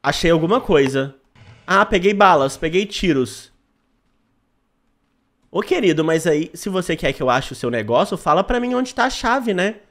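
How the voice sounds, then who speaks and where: A man's voice: high-pitched, expressive, moderate pace, a bit bright. A young Brazilian man hosting a gaming channel, commenting on a horror game in a jumpy, exclaiming way and talking to his chat. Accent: Brazilian Portuguese.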